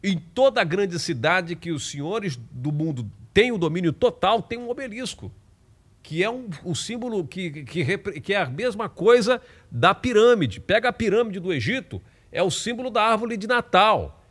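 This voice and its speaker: A man's voice: sits high, animated, moderate pace. A man from Rio de Janeiro with a Carioca accent, delivering a fervent, informal preaching monologue full of emphatic repetition and restarts. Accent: Carioca Brazilian Portuguese. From Rio de Janeiro, Brazil. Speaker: evangelical preacher and channel host.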